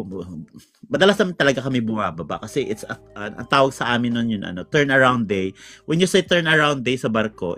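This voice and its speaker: Filipino guy rambling through a story, pitch bouncing all over, faint music under it. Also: fairly bright tone. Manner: rambling, code-switching Tagalog and English, many restarts. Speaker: podcast guest telling a story. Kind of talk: casual storytelling chat.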